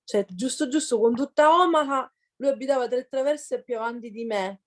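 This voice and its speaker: Chatty female host-interpreter, fairly high voice, informal delivery. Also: normal speed. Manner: chatty, laughs often. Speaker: host and interpreter, genealogy researcher. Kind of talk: casual bilingual chat, interpreting.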